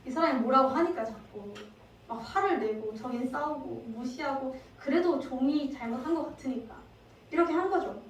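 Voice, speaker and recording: A woman evangelist giving a sermon, telling the story lively and asking the congregation many questions. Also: high voice, moderate pace, a little hiss or hum. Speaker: evangelist preacher. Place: church sanctuary. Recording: very echoey hall, distant mic.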